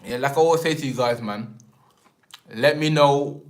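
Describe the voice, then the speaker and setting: A man's voice: medium pitch, moderate pace. A young Englishman with an English accent hosting a casual live stream, rambling in slang and tagging his sentences with filler words. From England. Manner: rambling, slangy, repeats filler tags like "man" and "and that".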